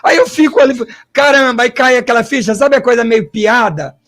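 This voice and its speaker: A man hosting an interview, a historian who thinks out loud and asks questions in long, winding stretches. His voice sits high and carries a rough, gravelly texture. He talks with animated asides and rhetorical questions. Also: brisk. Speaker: host and historian.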